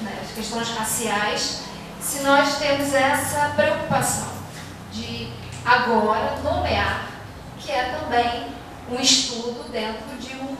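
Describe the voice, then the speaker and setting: Woman in the crowd making a formal comment, bit high voice, big echoey hall. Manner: measured, formal. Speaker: audience member commenting. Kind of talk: formal audience remark. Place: large lecture hall, indoors. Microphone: handheld mic. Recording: echoey hall, distant noisy mic.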